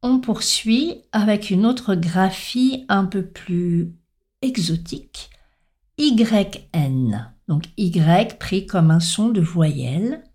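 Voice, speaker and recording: A woman's voice: mid-range voice, animated, extremely slow, a little mellow. A woman teaching pronunciation in a careful spoken lesson, spelling out letters and stressing each example word.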